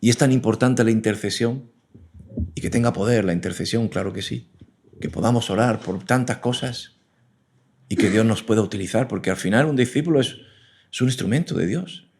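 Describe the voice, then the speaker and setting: Earnest low-voiced male preacher. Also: a little fast, vocal fry, a little mellow, a little hiss or hum. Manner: earnest, frequent amens and restarts. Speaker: preacher and teacher. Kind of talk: sermon.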